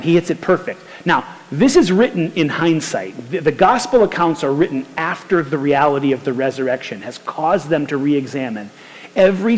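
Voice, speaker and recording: A man preaching a sermon as pastor, lively and conversational with casual slang. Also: a little high, in a large hall, poor audio. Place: church sanctuary.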